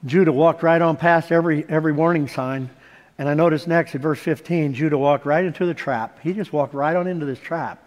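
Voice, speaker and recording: Briskly and a little mellow, a middle-aged pastor delivers a sermon from a big church stage, his voice high for a man. He builds stories toward emphatic points as the hall's long reverb follows each phrase.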